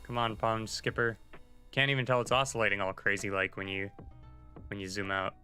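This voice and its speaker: Bright-voiced man chatting through a game. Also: on the low side, monotone, brisk, soft background music, low-quality recording. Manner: chatty, thinking aloud, muttering asides to himself. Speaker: livestreaming gamer. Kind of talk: casual gameplay commentary.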